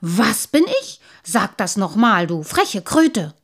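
A woman's voice: fairly low pitch, little pitch movement, moderate pace. A woman voicing a tall, thin, stuffy man who is grumpy and scornful. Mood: angry. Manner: scolding, huffy, scornful.

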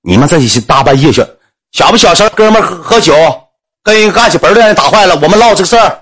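A man with a Northeastern Chinese accent voicing a loud, belligerent drunk fat man who argues with a neighbor. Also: sits high, expressive, quick pace, breathy edge, voice pushed up, exaggerated voice. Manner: shouting, argumentative.

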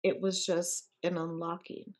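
Encouraging woman coach, low voice. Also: level tone, a little slow. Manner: encouraging, repeats key phrases for emphasis. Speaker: life coach and podcast host. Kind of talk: coaching interview conversation.

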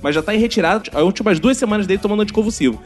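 A man with a Brazilian Portuguese accent hosting a casual comedic podcast, telling slangy, profane anecdotes in an animated way. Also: sits high, racing, soft background music. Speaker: podcast host.

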